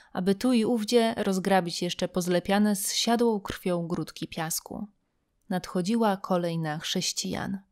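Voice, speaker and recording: A woman's voice: medium pitch, darkish tone. Woman reading a classic novel aloud. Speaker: audiobook reader. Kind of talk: scripted narration of a classic novel.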